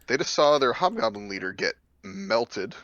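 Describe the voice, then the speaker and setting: A man's voice: medium pitch, big pitch swings, normal speed, a bit bright, no echo, muffled recording. A man playing a tabletop game, eagerly explaining the rules in casual chat.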